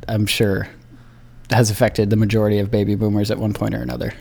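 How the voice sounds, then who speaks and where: A man's voice: lowish voice, level tone, quick pace, gravelly, a little mellow, slightly rough. A man co-hosting a podcast who asks probing, curious questions in casual chat. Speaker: podcast co-host.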